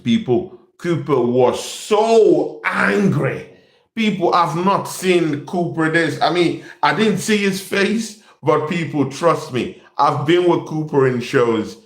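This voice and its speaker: A young Nigerian man hosts a football channel live stream, chatting casually in an animated, repetitive way and addressing his viewers as "people." His voice is a little high and slow, with a reverberant sound.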